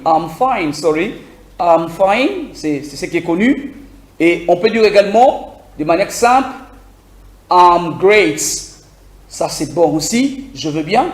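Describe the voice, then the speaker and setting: Guy teaching beginner english on the radio, high voice, keeps repeating phrases, echoey room. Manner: lively, code-switching, repeats phrases for listeners to echo. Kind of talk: live broadcast English lesson.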